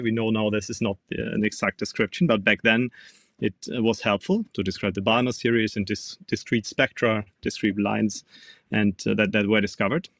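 A man's voice: fairly low pitch, dry recording, studio quality. A man with a German accent, a physics professor, explaining carefully as an interview guest with frequent ums.

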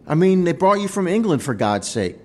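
A man's voice: high-pitched, sing-song, fairly quick, darkish tone. An actor playing an anxious, earnest young man held captive, speaking in an exasperated way. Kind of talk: audio drama acting.

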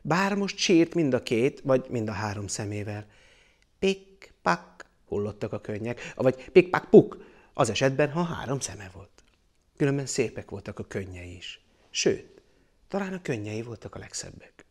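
A middle-aged man reading a children's story in a playful, expressive way, lingering on words. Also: mid-range voice.

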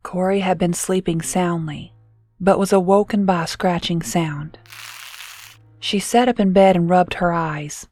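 A woman's voice: fairly low pitch, steady tone, darkish tone, dry recording, faint music behind. Woman narrating a horror story. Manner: slow, measured storytelling with drawn-out suspense.

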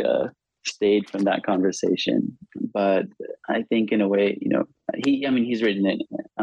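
A male author whose first language is Hebrew talks reflectively in an interview, halting and thoughtful with frequent restarts. His voice is on the low side, with vocal fry and a slightly mellow, slightly rough quality. The recording sounds dull and lo-fi.

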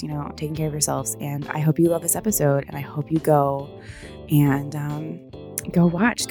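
Woman podcast host, congested and low-pitched, casual and sardonic, swears a lot. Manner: sarcastic-sounding, swearing, rambling. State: stuffy nose.

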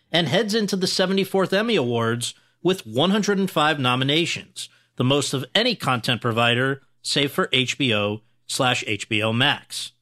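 Male podcast host, bright tone, somewhat high, measured formal delivery. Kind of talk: scripted intro then interviewing.

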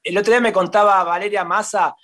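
A man's voice: sits high, steady tone, fast, sharp tone. A man with a Rioplatense Spanish accent chatting as a guest in an interview, effusive, repeating himself and restarting often. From Argentina. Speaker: guest, theater columnist. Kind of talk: casual interview chat.

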